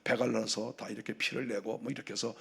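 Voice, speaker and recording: A preacher voicing mild young Abel. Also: male voice, lowish voice, flat delivery, fast talker, creaky, fairly bright tone, slightly rough, voice pushed down, exaggerated voice. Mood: plain.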